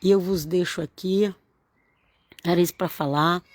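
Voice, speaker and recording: A woman's voice: fairly low pitch, fairly even intonation, moderate pace, darkish tone, no echo. A woman, giving an informal, earnest sermon-style talk to camera and repeating phrases for emphasis. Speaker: religious vlogger.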